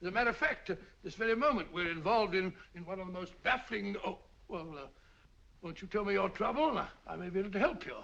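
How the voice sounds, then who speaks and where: A man's voice: high-pitched, fast talker, gravelly, pushed and bright, dull audio, heavily acted. An actor in a 1940s film playing a genial, bumbling older male doctor who stammers and fusses to be helpful. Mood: flustered. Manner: flustered, stammering, eager to help.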